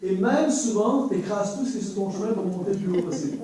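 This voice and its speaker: A man's voice: sits high, fast, a little hiss or hum. Canadian French man preaching in echoey hall. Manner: lively, joking, repeats key phrases. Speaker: worship teaching speaker. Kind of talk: sermon. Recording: very echoey room, voice from far off.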